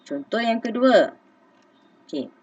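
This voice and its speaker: A woman's voice: a little high, animated, slow, a little mellow, no room sound, recorded from a distance, muffled recording. A Malaysian woman teacher explaining grammar patiently, with many okays, in a recorded lesson. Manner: patient, calls herself cikgu, many okays. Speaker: schoolteacher.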